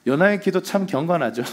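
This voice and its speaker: A man preaching a Sunday sermon as pastor, telling the story with energy and acting out the lines he quotes. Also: fairly high pitch.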